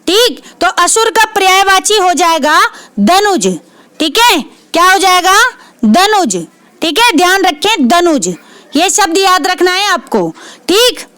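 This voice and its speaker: Woman, exam tutor, very high pitch, quizzes herself aloud, repeats words, dry sound. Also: animated, a little slow, a bit bright, no echo. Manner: repeats each word, asks and answers her own questions. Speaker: Hindi literature exam tutor. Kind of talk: exam prep lesson.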